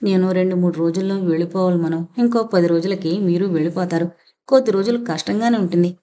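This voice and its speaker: A woman voicing a troubled middle-aged man in love who speaks in a tense, halting way. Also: lowish voice, warm tone, lightly acted. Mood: sorrowful.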